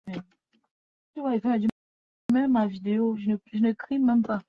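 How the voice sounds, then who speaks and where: Her voice sits a little high and moves at a measured pace. Lying down at home, this woman livestreams a repetitive, scolding rant into a phone she has put down, speaking directly to viewers. The phone audio sounds dull and lo-fi.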